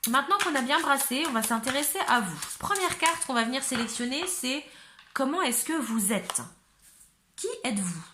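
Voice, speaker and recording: A hoarse woman from north-eastern France with a north-eastern French accent, giving a chatty, giggly tarot reading to her viewers, often searching for words. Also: sits high, animated, moderate pace, bright, forceful tone, echoey room, slight background noise. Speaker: tarot reader. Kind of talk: casual tarot reading to camera.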